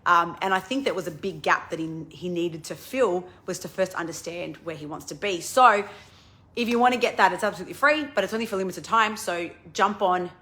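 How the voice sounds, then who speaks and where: A woman, talking fast and excitedly as a project manager on a casual live stream, full of fillers and restarts. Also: lowish voice.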